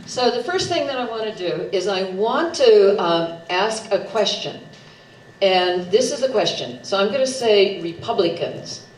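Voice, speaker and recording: A woman's voice: mid-range voice, darkish tone. A woman in her seventies, a county candidate giving a playful, chatty speech at a public debate. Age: 70s. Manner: chatty, playful, gets the crowd chanting. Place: public meeting room. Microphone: handheld mic heard from a distant camera. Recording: roomy hall audio from far off, faint noise.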